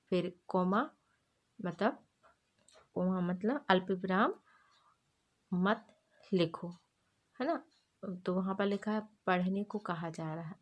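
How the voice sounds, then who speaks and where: A woman teacher with an Indian accent talks through a grammar lesson at a slow, deliberate pace. She explains each point step by step and drops English words in as she goes. Her voice sits at a medium pitch. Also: darkish tone. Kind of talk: reading a grammar lesson aloud to students.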